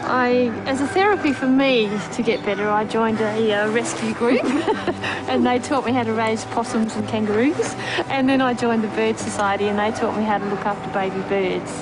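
A woman who runs an animal rescue centre, explaining her work in a relaxed, plainspoken way with many ums and uhs. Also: fairly high pitch, normal speed, background noise. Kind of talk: casual explaining in interview. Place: wildlife rescue farm. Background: background music.

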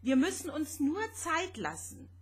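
A woman voicing a grumpy, boyish little spaceship who talks in a gruff, snappish way. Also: sits high, sing-song, a little slow, voice pushed up. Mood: reassuring.

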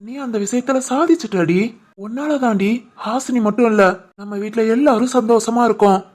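A man voicing an affectionate, reassuring young husband in an animated family drama, with a Tirunelveli Tamil accent and a comforting, teasing manner. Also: very high voice, moderate pace.

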